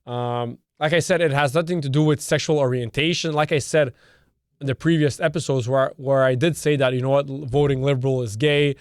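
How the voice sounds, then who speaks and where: A man's voice: medium pitch, steady tone, brisk, clear, resonant tone, dry recording, clean studio sound. A young man from Canada, a Serbian native speaker, hosting a solo opinion podcast and hammering his points by number with lots of repetition. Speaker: podcast host.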